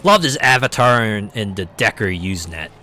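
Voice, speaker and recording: A man streaming a racing game, chatting casually and rambling through animated stories, now and then slipping into quick put-on voices for quotes. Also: fairly low pitch, soft background music. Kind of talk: casual chat while gaming.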